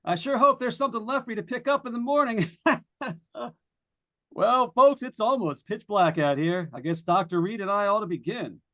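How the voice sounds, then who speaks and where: In the style of a 1940s live radio drama, an actor plays a breezy male radio host on a ghost hunt, joking yet nervy. His high, fairly bright voice moves at a moderate pace with a chatty, folksy showman delivery.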